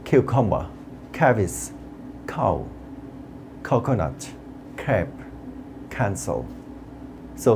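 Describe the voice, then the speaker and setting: A man with a Bangladeshi accent teaching English pronunciation, explaining slowly and repeating example words and sounds. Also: mid-range voice, dark tone, slight background noise. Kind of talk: tutorial lesson.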